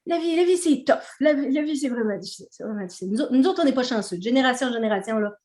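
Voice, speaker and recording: A woman's voice: sits high, expressive, racing, a little mellow. A woman putting on a gloomy Québécois relative. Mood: gloomy, resigned. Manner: heavy exaggerated folksy complaining. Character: gloomy older relative who expects hardship.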